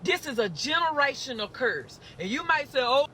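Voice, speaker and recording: A man with a very high, sharp, piercing voice rants in a played clip. He is emphatic and slangy and scolds his listener directly. A faint hum of noise sits behind him. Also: sing-song, normal speed. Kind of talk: preachy street-talk rant.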